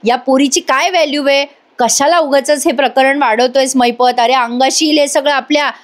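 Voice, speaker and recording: A woman voicing a cautious male crime boss, urging calm. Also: high-pitched, normal speed, close to an everyday voice. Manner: urging, persuasive.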